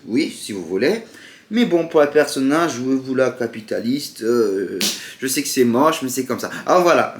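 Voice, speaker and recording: A man's voice: medium pitch, slight background noise. Sarcastic southern French man, echoey room. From southern France. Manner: sarcastic, rambling, jumps into mock voices. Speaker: vlogger. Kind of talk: casual monologue to camera.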